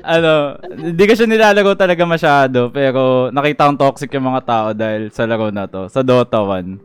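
A man's voice: mid-range voice, animated, fairly quick. A man chatting as a guest about games, joking and playful. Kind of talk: casual gaming podcast chat.

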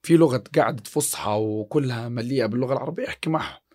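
A man's voice: medium pitch, very fast, a little mellow. A man, chatting on a podcast about success and faith, quoting scripture with many restarts. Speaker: podcast guest, chemistry teacher. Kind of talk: casual podcast chat.

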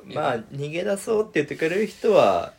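A man's voice: fairly high pitch, big pitch swings, brisk, vocal fry, a little mellow, slight background noise. A man co-hosting a casual podcast, easygoing, laughing often and explaining things plainly. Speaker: podcast co-host. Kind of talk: casual chat.

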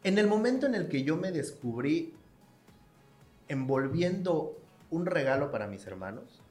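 A man's voice: on the high side, big pitch swings, a little slow, a little mellow, roomy sound, faint music behind. A man with a Mexican accent co-hosting a casual podcast, joking theatrically with stammering restarts. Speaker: podcast co-host.

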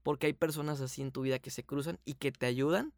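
A man's voice: medium pitch, fairly even intonation, fast talker, dry recording, studio quality. A man from Sonora with a Sonoran Mexican accent, a voice actor speaking earnestly and at length as an interview guest. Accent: Sonoran Mexican Spanish. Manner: earnest, grateful, explains at length. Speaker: voice actor and production manager, guest. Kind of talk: casual podcast interview.

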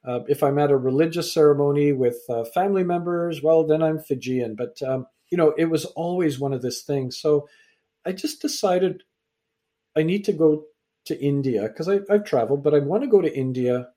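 A man's voice: on the high side, normal speed, warm tone. A middle-aged man, born in England and raised in Canada, telling his story as an interview guest and acting out the exchanges he quotes. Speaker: author and guest. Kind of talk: conversational interview.

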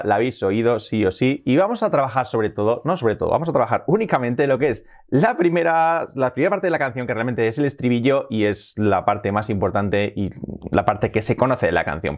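A man with a Spain Spanish accent, teaching English pronunciation in a casual video lesson and drawing words out slowly to drill sounds. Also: medium pitch. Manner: slow, exaggerated pronunciation drills.

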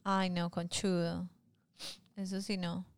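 A woman's voice: fairly low pitch, flat delivery, takes it slowly, smooth. Chatty woman co-host reacting. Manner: reacts warmly, with frequent interjections. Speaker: podcast co-host. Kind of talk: casual chat.

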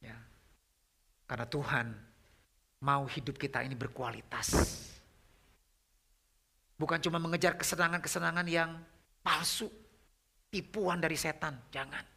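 A middle-aged man preaching a youth sermon in a conversational way, asking the audience questions and swinging from loud, rising questions to hushed, near-whispered lines. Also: on the high side, a little slow, vocal fry, pauses often, slightly rough.

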